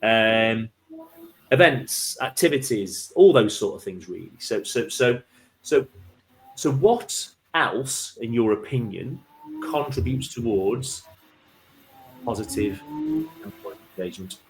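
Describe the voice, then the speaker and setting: A man's voice: mid-range voice, expressive, slow pace, pauses often, faint music behind. A man hosting a casual business discussion, repeating words and phrases as he thinks aloud. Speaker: host.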